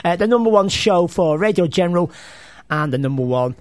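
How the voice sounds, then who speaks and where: A middle-aged Northern English man, hoarse and husky from a cold, grumbles his way through a casual sports chat as co-host. His voice sits a little high for a man. The sound is close and dry. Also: expressive, brisk, darkish tone, no echo. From England. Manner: grumbling, ranting. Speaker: podcast co-host.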